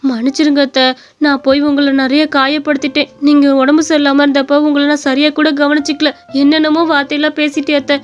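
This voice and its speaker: Brief: woman playing a sharp-tongued young daughter-in-law, high and blunt, cartoon story. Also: lo-fi sound, close to an everyday voice. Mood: apologetic. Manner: blunt and dismissive.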